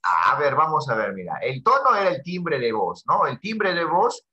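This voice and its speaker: A Peruvian man in teacher mode, chatty and joking, constantly tacking on little questions as he explains. His voice is bright and forward, and the audio is dull and lo-fi. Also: a little high, sing-song, normal speed. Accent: Peruvian Spanish. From Peru. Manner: chatty, jokey, peppers lines with tag questions. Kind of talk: casual classroom lesson dialogue.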